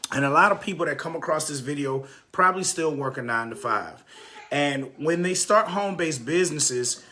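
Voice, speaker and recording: Speaking in a mid-range voice with a sharp tone, a somewhat congested Texas man casually addresses viewers on his livestream about home businesses. Recorded on a phone, he's chatty and repetitive, occasionally fading into mutters as he checks that phone.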